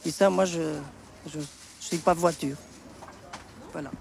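A woman's voice: fairly low pitch, fairly even intonation, a little slow, vocal fry, darkish tone, a little hiss or hum. An older woman of Portuguese origin answering interview questions in a frank, plain-spoken way. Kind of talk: street interview.

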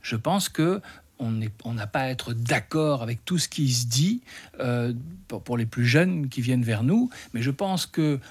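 A man's voice: medium pitch, lively intonation, a little slow, husky. A man, a guest in an interview who talks thoughtfully with many fillers and restarts. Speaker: interview guest, teacher trainer. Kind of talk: radio interview conversation.

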